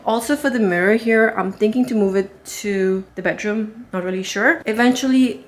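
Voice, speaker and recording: A woman, thinking aloud in a relaxed, chatty way as she vlogs from her apartment. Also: medium pitch, slight background noise. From Nepal. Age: 30s. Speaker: vlogger. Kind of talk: casual vlog narration. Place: apartment, indoors. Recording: roomy apartment echo.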